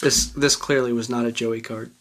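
A player joking casually through a card game, making quick asides and laughing often. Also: medium pitch, steady tone, a bit bright.

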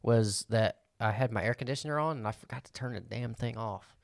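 A man's voice: medium pitch, a little fast, vocal fry, no room sound, studio quality. A man from the Midwest co-hosting a podcast, talking in a laid-back, joking and slangy way. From American Midwest. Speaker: podcast co-host. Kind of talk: casual podcast chat.

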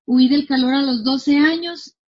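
A marketing coach in her 30s from northwestern Mexico chats casually as an interview guest from her home. She is chatty and animated and laughs easily, her high voice a little slow, and the audio is dull.

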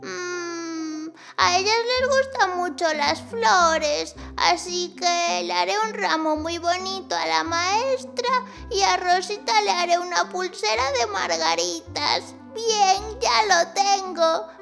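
A woman voicing a small, earnest young male penguin with a squeaky child-like voice in a children's story. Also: slow, creaky, fairly bright tone, soft background music, heavily acted. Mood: thoughtful, eager. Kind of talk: children's audio story acting.

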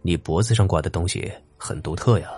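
A man voicing a cruel, greedy male army officer who makes low, quiet threats. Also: fairly quick, breathy edge, soft background music. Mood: menacing.

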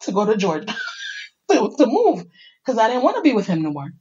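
A middle-aged woman telling her life story in a candid, animated conversation, acting out the people she quotes. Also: a little high, fairly quick, slightly rough, muffled recording. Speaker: podcast host sharing her life story.

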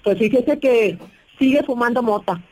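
A woman's voice: a little high, normal speed, crowd noise, poor audio. A woman calling a radio show, worried and complaining. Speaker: caller. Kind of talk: phone-in call.

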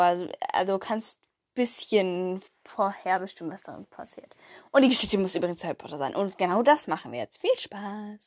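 A woman's voice: lowish voice, dry recording, clean studio sound. A woman co-hosting a podcast, explaining the rules of a game step by step with a few fillers. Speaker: podcast co-host.

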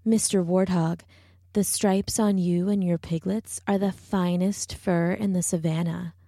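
A woman voicing a wicked male vulture who whispers slow, wheedling flattery in a storybook tale. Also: lowish voice, dry recording, studio quality. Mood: sly flattering.

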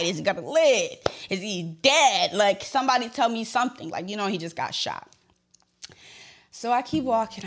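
Young woman, low-ish voice, shaky, emotional, loud then hushed, personal story. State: voice getting shaky.

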